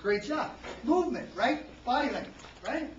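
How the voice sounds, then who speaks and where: A high-pitched man runs a lively seminar, firing questions at the room and punching certain words louder for emphasis. He is recorded from across an echoing hall. The sound is muffled and a little dull. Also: normal speed, distant mic, a little hiss or hum. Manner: quizzes the audience, tags lines with "right?"; energetic, varies loudness for emphasis. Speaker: seminar presenter. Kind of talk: interactive workshop lecture.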